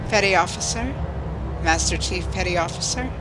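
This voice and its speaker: A woman with a lowish, near-everyday voice, at normal speed, performs a coolly logical alien starship officer in a science fiction audio drama, sounding formal, precise, unemotional and detached. She speaks over music, and the audio is poor.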